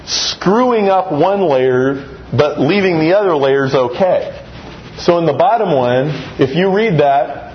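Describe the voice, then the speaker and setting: A man in his thirties giving a classroom lecture, animated and acting out example sentences with varied inflection. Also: fairly high pitch. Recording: dull, slightly muffled recording with faint room noise.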